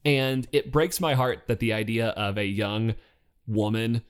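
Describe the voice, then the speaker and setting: A man co-hosting a casual news podcast who rambles through the stories with jokes and quick self-corrections. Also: on the low side, clear, resonant tone. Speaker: podcast co-host.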